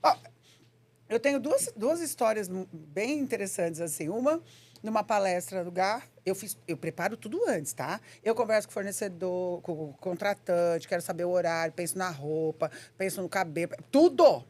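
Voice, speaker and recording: A woman's voice: fairly low pitch, normal speed. A woman chatting casually on a podcast, telling stories and acting out the dialogue she quotes. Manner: animated storyteller, acts out quoted dialogue.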